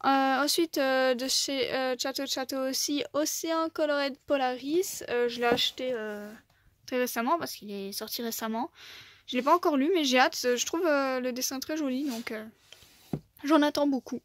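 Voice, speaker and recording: A woman's voice: high-pitched, moderate pace, no room sound. A young woman casually showing her manga collection, chatting with many fillers and small laughs.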